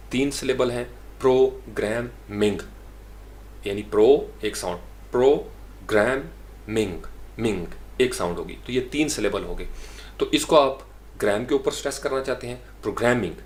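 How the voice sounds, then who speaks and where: Man, mid-pitched voice, from Pakistan, pronunciation teacher, slow repeated words, drawn-out syllables, conversational explaining. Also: a little mellow. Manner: repeats words slowly, drawing out syllables for stress. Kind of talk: spoken language lesson.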